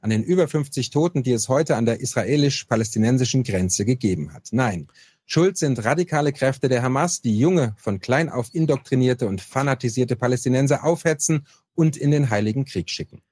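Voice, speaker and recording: A man with a husky voice delivers a scripted opinion commentary. His tone is firm and emphatic, and the recording sounds dry and close. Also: mid-range voice, animated, a little fast, darkish tone, no room sound.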